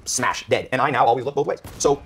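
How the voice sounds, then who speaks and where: A man's voice: medium pitch, fast talker, a little hiss or hum. A man from California, a podcast guest telling motivational stories with emphasis and acting out the people he quotes. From United States (California). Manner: emphatic, acts out quoted voices. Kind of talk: animated motivational storytelling.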